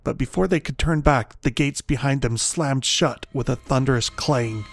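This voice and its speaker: A man narrates a horror story in a gravelly, mid-pitched voice, with a measured and dramatic delivery. Faint music runs underneath the narration. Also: no echo.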